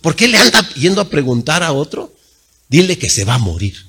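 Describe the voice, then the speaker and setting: A male pastor delivering a sermon, swinging between loud emphatic peaks and low quiet asides. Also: big pitch swings, fairly quick, husky.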